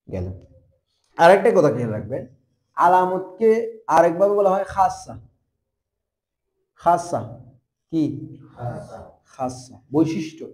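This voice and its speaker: A young man with a Bangladeshi Bengali accent teaching a grammar lesson, asking questions and answering them himself, and repeating terms slowly. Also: high voice, a little mellow, reverberant. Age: young adult. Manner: spells out letters and repeats terms.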